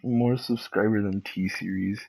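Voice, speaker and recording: A man cohosting a late-night chat with friends, joking, teasing and quick to laugh. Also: on the low side, steady tone, vocal fry, darkish tone, husky, no echo, low-quality recording. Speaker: podcast co-host.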